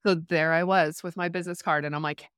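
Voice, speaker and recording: A rural entrepreneur guesting on a podcast recounts a candid story, her fairly low, slightly bright, smooth voice moving at a brisk pace with fairly even intonation. The recording is dry and studio-clean. Her telling is animated, full of "like" fillers and acted-out quotes.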